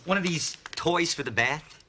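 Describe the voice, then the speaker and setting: A man's voice: on the high side, measured pace, sharp tone, slight background noise. An actor playing a chatty, reassuring divorced father in a sitcom. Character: chatty, breezy divorced dad stranger. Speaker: sitcom character. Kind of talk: sitcom acting.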